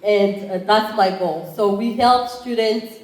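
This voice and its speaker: A Rwandan woman in her thirties, who chairs an entrepreneurship program, gives a conference presentation in a conference room. She speaks with a Rwandan accent at a measured pace, her medium-pitched voice slightly dark in tone, and her talk is conversational, with frequent fillers and restarts. The recording sounds roomy, with faint ambience in the background.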